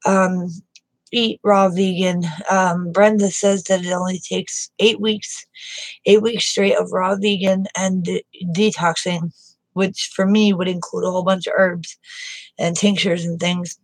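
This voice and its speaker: A woman's voice: fairly low pitch, little pitch movement, no echo, rough recording. Breathless woman vlogger, dry sound. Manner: halting, with many fillers and restarts. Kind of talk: casual talk to camera.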